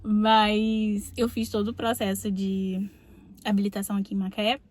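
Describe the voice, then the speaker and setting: A woman's voice: mid-range voice, little pitch movement, moderate pace, darkish tone. A young Brazilian woman, a psychologist and podcast host, telling a personal story in a chatty way, often adding little tag questions. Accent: Brazilian Portuguese. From Brazil, Rio de Janeiro state.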